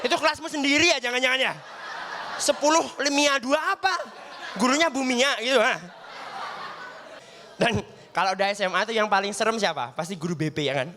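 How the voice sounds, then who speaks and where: A man's voice: high voice, quick pace, background noise. A young man doing a stand-up comedy set on a studio stage, chatty and always checking with the crowd. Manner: chatty, keeps asking the crowd for agreement. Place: studio stage with live audience.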